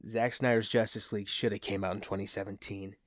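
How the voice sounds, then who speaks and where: A man with a fairly low voice gushes like an excited fan as he hosts a casual movie review. The sound is dry and close, with no room echo. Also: fast talker. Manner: enthusiastic, gushing fan talk. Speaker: host of a movie review show.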